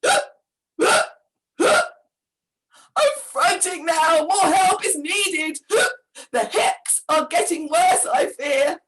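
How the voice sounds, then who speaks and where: A woman puts on a frantic old Father Christmas who keeps hiccuping. His lines come out loud, exclaiming and pleading, and they swoop up and down. It is read slowly, as a rhyming storybook. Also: high-pitched, animated, exaggerated voice. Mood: flustered.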